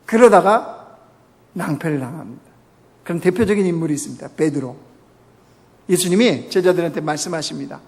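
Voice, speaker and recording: High-voiced pastor preaching in a reverberant hall. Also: male voice, a little fast, creaky, pauses often, a little mellow. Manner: asks the congregation rhetorical questions. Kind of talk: sermon. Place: church sanctuary. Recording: long reverb of a church hall.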